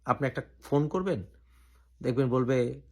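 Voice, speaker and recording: On his own channel, a man from Bangladesh offers opinionated political commentary, pausing deliberately as he lays out each point. He speaks in a mid-range voice that is a little mellow.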